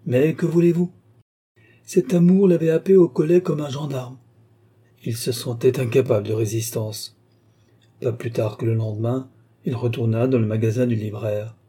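Man reading an old short story, dark mellow voice, a bit husky, measured. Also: mid-range voice. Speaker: audiobook narrator. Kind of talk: scripted literary narration.

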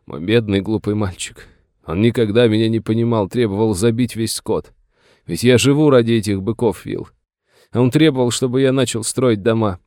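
A man's voice: medium pitch, normal speed, a little mellow, dry recording, clean studio sound, pitched above the performer's own voice, natural voice. Man voicing a frightened, tearful old rancher. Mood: fearful, plaintive. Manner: pleading, plaintive and agitated. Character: frightened aging male rancher, tearful and whining.

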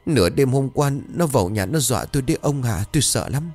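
A man's voice: mid-range voice, expressive, fast, darkish tone, soft background music, voice pushed up, close to an everyday voice. A man voicing a frightened elderly village wife who stammers as she tells her husband what she saw. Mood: terrified. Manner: stammering, terrified.

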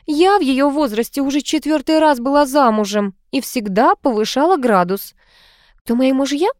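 A woman's voice: sits high, moderate pace, no room sound, clean studio sound, pitched above the performer's own voice, natural voice. A woman voicing a flamboyant, much-married society aunt who chatters dramatically in an audiobook. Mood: gushing.

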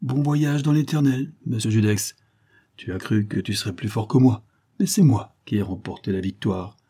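A man's voice: on the low side, moderate pace, mellow, slightly rough. A man reading an audiobook voices a scheming woman adventuress who hisses her lines with venom and hatred. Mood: gloating. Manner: hissing, venomous.

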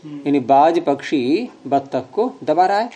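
A man teaching a grammar class, explaining rules patiently, quizzing students with questions and teasing them gently. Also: a little high, lively intonation, unhurried, breathy edge.

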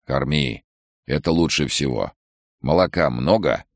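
A man doing a calm old country grandfather who treats children with herbs. He speaks slowly and folksily, in a deep gravelly voice, recorded close and dry. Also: no echo, heavily acted. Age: older. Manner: slow, unhurried, folksy. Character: calm, slow old village herbalist grandfather.

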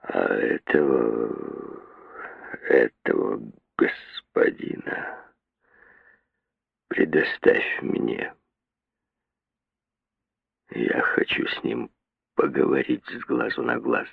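A man voicing a stern, cold middle-aged father who speaks slowly, low and menacing. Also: very animated, creaky, husky, heavily acted. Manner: slow, low, quietly menacing. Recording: dry tinny phone-like sound.

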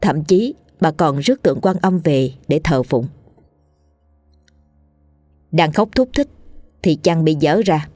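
A woman, narrating a scripted ghost story in a steady reading voice. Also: sits low, slow pace, pauses often, dry recording, soft background music.

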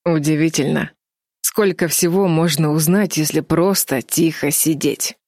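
A woman's voice: low-pitched, darkish tone, no room sound, clean studio sound. Woman voicing a sneering cruel young man. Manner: mocking, slow and cruel. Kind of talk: audiobook character voice.

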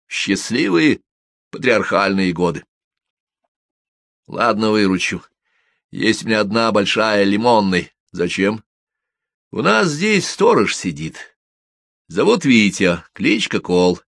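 A male reader plays an easygoing cop who answers everything with dry jokes, in a lowish, close, dry voice. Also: animated, slow pace, creaky, pauses often, a bit bright, no echo, heavily acted. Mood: wry.

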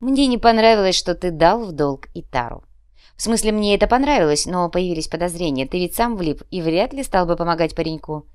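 A woman's voice: fairly low pitch, lively intonation, brisk, a little mellow, smooth, dry recording, studio quality, natural voice. A woman voicing a smug, clever male sorcerer in an audiobook, who explains things in an easy, amused way.

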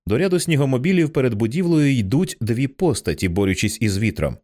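A man narrating a screenplay as an audiobook reader, in a dramatic and expressive way. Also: mid-range voice, a little fast.

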